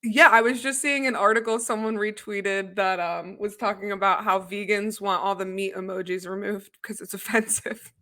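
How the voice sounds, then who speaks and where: A woman's voice: mid-range voice, fairly even intonation, moderate pace, pushed and bright. A young woman co-hosting a casual podcast over a video call, chatty and sarcastic. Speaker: co-host. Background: faint music.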